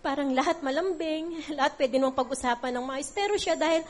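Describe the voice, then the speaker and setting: A woman's voice: sits high, fairly quick. A middle-aged woman giving a heartfelt church testimony, tearful at times and using many fillers.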